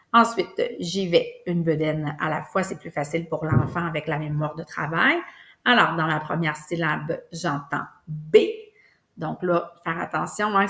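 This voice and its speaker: A woman's voice: sits low, fairly bright tone. A woman, a preschool teacher patiently explaining a lesson, with frequent hesitations. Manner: patient, careful, many fillers.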